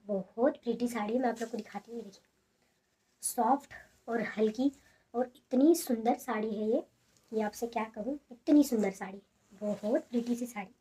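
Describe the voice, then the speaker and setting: A young woman talking softly and casually at home, showing sarees in a haul video with many fillers. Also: fairly high pitch, breathy edge. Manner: soft, hushed talk with many fillers. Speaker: fashion vlogger showing sarees. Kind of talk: casual product haul chat.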